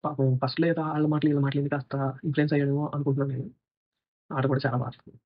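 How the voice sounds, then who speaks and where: A man rattles off sarcastic, opinionated reality-show commentary at a rapid clip. His voice sits a little high and sounds husky, and the recording is dry and a bit muffled. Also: flat delivery, dry recording. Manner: opinionated, sarcastic, fast-talking. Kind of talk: casual video commentary.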